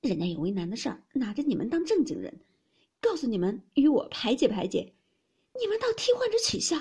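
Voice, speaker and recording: A woman voicing a proud young maidservant who bursts out in sharp, indignant protest, with a husky, breathy voice. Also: mid-range voice, very animated, moderate pace, full character voice. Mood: angry.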